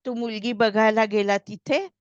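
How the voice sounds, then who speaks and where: A woman reading as a calm young boss. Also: fairly high pitch, normal speed, smooth, dry recording, lightly acted. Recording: slightly dull, dry recording.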